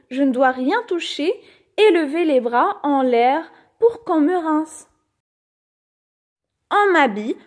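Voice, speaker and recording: A woman reads a children's picture book aloud, her voice sitting high and bright in pitch. She takes her time, unhurried and gentle, and gives the lines an expressive, animated bedtime-story lilt.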